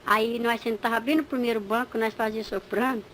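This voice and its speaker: A woman's voice: fairly high pitch, steady tone, brisk, a bit bright, a little hiss or hum, rough recording. A woman giving a spoken religious testimony, telling her story with animation and acting out the dialogue. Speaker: church member giving testimony.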